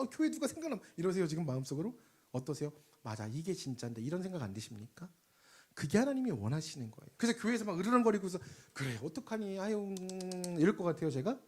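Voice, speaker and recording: A man preaching a sermon in a lively, conversational way, leading the congregation in call-and-response and swinging between loud emphasis and quiet asides. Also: high voice, husky.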